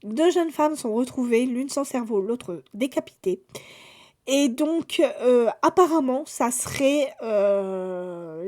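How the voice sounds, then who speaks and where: A woman's voice: sits high, darkish tone. A woman chatting casually through a book haul, summarizing plots with fillers and restarts. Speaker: book vlogger.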